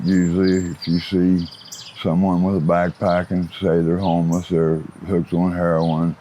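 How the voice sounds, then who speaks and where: A low-voiced Appalachian man in his fifties with a plain-spoken biker manner. He gives candid interview answers in rough, folksy grammar, with clear outdoor noise and birdsong around him. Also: a little mellow. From West Virginia. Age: 50s. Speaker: interview guest, former biker gang associate. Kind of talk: candid interview answers about own life.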